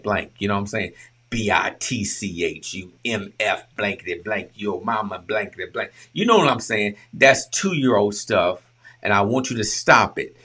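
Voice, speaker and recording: A man's voice: on the low side, bright, forceful tone. A man, a relationship coach talking straight to his audience in an emphatic, preachy way, firing off repeated rhetorical questions. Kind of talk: direct-to-camera talk.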